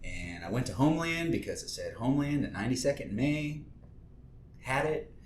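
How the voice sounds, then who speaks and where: A man's voice: lively intonation, normal speed. A man hosting a casual podcast, telling rambling, laid-back stories with the odd swear word. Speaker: podcast host. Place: home kitchen studio. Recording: echoey room with faint rumble.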